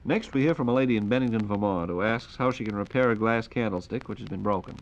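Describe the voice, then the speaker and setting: In a fast, lowish voice, a man reads out listener questions as the courteous, formal host of a 1940s radio broadcast in a studio. The old recording is noisy and muffled.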